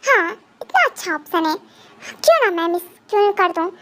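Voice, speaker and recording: A woman's voice: extremely high pitch, sing-song, brisk, a bit bright, a little hiss or hum, exaggerated voice. A woman voicing a menacing young male psychopath gang boss in a fan dub drama, taunting and threatening.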